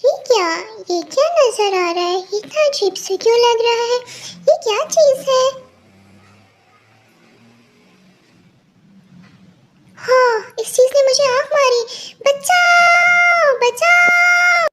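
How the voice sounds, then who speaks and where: Brief: woman voicing very high, shrill girlish young woman, childish and dramatic, whiny, fan fiction dub. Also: normal speed, background noise. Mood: panicked. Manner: calls herself by her pet name, whiny and wailing.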